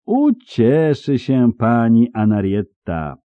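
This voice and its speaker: Casting: man playing a blustering knight, loud, slow and pompous, with lots of swing in his voice. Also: big pitch swings, no room sound, phone-quality sound. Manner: booming, slow, pompous drawl. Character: boastful blustering male knight baron.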